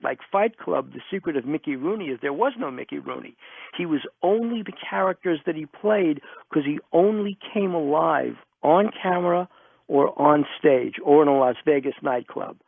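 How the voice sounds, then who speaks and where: A guest author in a radio interview tells animated stories, emphatic and repeating himself to drive his points home. His voice is a little high and creaky. The sound is narrow, tinny, and band-limited, close and dry with no echo.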